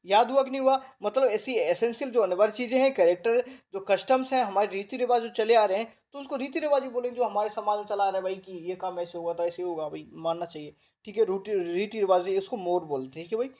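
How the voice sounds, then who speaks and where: Indian guy teaching vocab for exams, mellow voice, trips over english words, keeps asking the class if they're following. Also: high voice. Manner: reads English definitions haltingly, then explains in Hindi; repeats tag questions to the class. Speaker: exam coaching teacher. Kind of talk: online vocabulary lesson.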